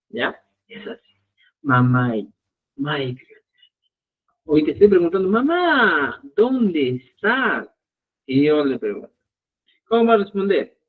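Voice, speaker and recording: A man teaching a live online language lesson, speaking to his students and often stopping to check that they follow. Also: fairly high pitch. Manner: animated, repeats checks like "¿ya?" to students. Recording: narrow phone-like audio.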